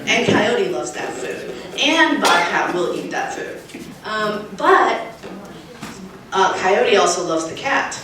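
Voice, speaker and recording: A woman urban wildlife specialist giving a lively, emphatic outdoor talk, often checking in with her listeners. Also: medium pitch, slow. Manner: lively, emphatic, keeps asking the crowd "right?". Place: outdoors at a nature center. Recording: echoey, distant, faint noise.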